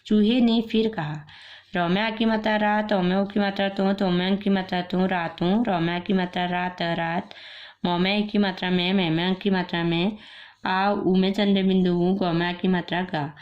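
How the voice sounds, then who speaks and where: A woman school teacher slowly spelling out a children's reading lesson syllable by syllable, repeating each word after she builds it. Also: medium pitch, level tone. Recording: muffled lo-fi recording.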